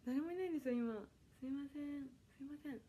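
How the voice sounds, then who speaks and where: A woman's voice: high voice, mellow. A woman of twenty from Kanagawa chatting politely on a solo livestream from home, reading viewer comments aloud and apologizing often. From Kanagawa, Japan. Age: 20s. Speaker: idol audition livestreamer. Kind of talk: casual solo livestream chat. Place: her home, indoors.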